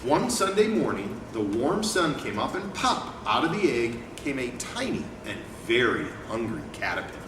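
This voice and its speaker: A man presenting a picture book read-aloud and talking informally as an educator, with an expressive delivery. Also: mid-range voice, normal speed, hardly any pauses. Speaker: educator and book company owner reading aloud. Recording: echoey room, distant mic, clear background noise.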